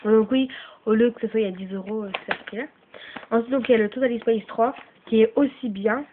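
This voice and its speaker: Her voice a little high and fairly even in intonation, a woman with a cough chats her way through a video selling her used belongings. She rambles, apologizes, pauses a lot and leans on "euh" and "voilà." The recording is thin and phone-like, with a faint hiss.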